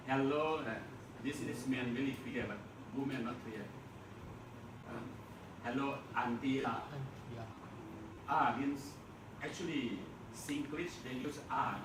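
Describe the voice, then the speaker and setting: A man with a Burmese accent teaching an English class, speaking slowly, repeating words and chuckling often. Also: mid-range voice. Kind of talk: classroom lecture. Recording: echoey classroom, mic far off, noisy.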